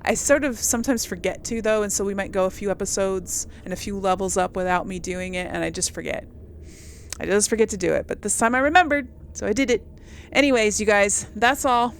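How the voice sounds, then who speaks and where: Talking a little fast in a medium-pitched voice, a woman hosts a casual let's play with chatty, hesitant, informal commentary and role-played replies. Behind her are video game ambience and slight background noise.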